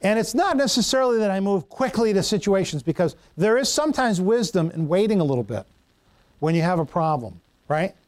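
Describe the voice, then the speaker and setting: The speaker is a middle-aged male pastor giving a chatty, down-home sermon in a sing-song, fairly quick voice that sits a bit high and sounds a little mellow. He fumbles Greek words and slips into homespun tales, recorded dry and up close without echo.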